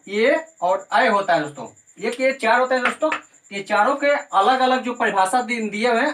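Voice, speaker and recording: A man's voice: very high-pitched, a bit bright, low-quality recording. A man with a Hindi accent teaches an exam-prep lesson and keeps coming back to the same points. He poses a question to his viewers, calls them "friends" and then answers it himself. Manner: repetitive, keeps saying "friends", asks and answers own questions.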